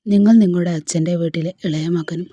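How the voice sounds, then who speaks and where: Woman doing a firm young wife, talks back steady, dark husky voice. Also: lowish voice, fairly quick, no echo. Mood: defiant.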